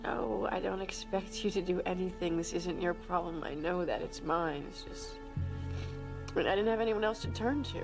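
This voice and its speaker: An actress playing a coolly manipulative, seductive lover in a television crime drama, her voice sometimes breathy. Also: on the low side, moderate pace, music in the background, rough recording. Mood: pleading, calculated.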